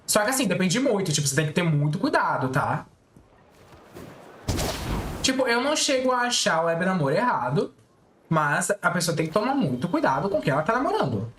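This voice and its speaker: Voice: medium pitch, very animated, a little fast, fairly bright tone, reverberant, a little hiss or hum. A streamer chatting casually and giggly on a live stream, often repeating little words.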